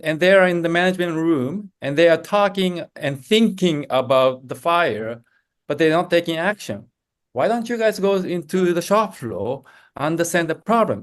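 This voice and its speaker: A middle-aged man from Japan, whose first language is Japanese, answering interview questions as a consultant, thoughtful, hesitating often as he works through examples. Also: high voice. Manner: thoughtful, builds answers from stories, frequent hesitations. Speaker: lean management consultant, guest. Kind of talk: podcast interview.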